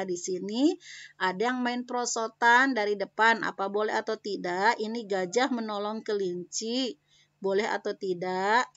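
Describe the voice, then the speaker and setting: Bright sing-song woman teacher, dull audio. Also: fairly high pitch, no echo. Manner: sing-song, coaxing, asks children questions. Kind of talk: online class lesson for young children. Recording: dull lo-fi dry recording.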